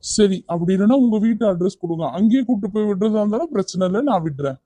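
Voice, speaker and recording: A kind young man in a cartoon, voiced by an actor, talking firmly but gently and coaxing without letup. His voice is mellow and middle-pitched, recorded dry and close. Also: fast, dry recording, lightly acted. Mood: gentle coaxing. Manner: firm yet gentle, coaxing. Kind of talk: cartoon voice acting.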